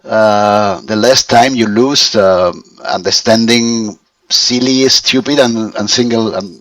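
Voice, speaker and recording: A Spanish man in his fifties, a learner of English, speaking in halting phrases with many restarts as he searches for words. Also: on the low side, a bit bright, dry recording, distant mic, poor audio. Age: 50s. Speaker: language student. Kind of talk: conversational English lesson.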